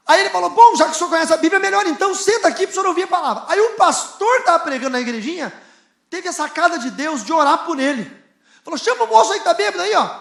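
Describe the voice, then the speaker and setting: A man preaching a sermon in a large church, telling a story with laughter and rising to shouts. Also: very high voice. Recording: echoey church hall.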